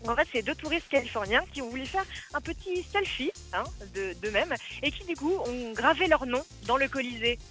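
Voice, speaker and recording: A woman's voice: high-pitched, animated, a bit bright, faint music behind. A woman giving a playful, teasing web news column on radio, joking as she talks. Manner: playful, teasing, quick talk with laughs.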